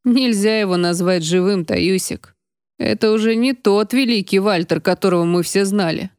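A woman's voice: medium pitch, normal speed, a little mellow, dry recording, close to an everyday voice. Woman voicing a bellowing middle-aged aunt, scolding, storybook character, dry close sound. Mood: bitter. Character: blustering loud middle-aged aunt, shouts at TV.

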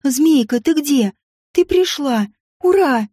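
A woman voicing a lonely, gentle little princess girl who speaks in an earnest, childlike way. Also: sits high, lively intonation, takes it slowly, no echo, clean studio sound. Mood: excited, joyful.

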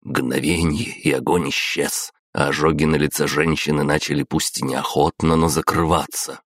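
A male audiobook narrator reading a fantasy novel with steady, dramatic storytelling. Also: rumbling low, normal speed, no echo, clean studio sound.

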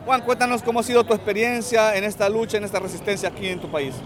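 Brisk high-voiced male field reporter. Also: steady tone, a crowd in the background. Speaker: radio reporter. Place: outdoors at a street march.

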